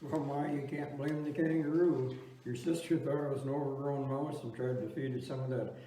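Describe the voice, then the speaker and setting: In an amateur comedy talk-show skit, a man plays a teasing, folksy older husband, firing back wry, reasoning retorts. His mid-range voice is steady and dark, at normal speed and close to how he'd talk every day. The mic is distant in an echoey room.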